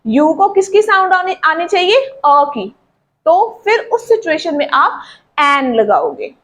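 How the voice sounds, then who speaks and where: A woman teaching an English grammar lesson, explaining slowly, repeating points and asking her students questions. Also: extremely high pitch, big pitch swings.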